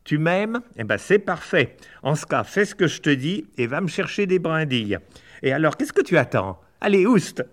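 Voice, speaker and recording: A man putting on a bossy female blackbird from a storybook, sharp and nagging, her voice pitched well above his own. She barks orders and scolds without pause. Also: big pitch swings. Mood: scolding.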